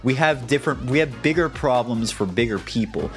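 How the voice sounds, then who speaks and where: A man's voice: mid-range voice, animated, fairly quick, faint music behind. A young American man chatting casually on a stream, rambling and swearing, with many stammered restarts as he rants. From United States.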